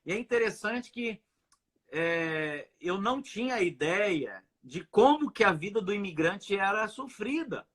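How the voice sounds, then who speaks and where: A man from Brazil, a pastor, speaks earnestly in a live video chat with a high, bright voice that has a husky edge. He repeats his words and keeps checking in with "né?". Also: sing-song, measured pace. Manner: earnest, repetitive, asks "né?" often.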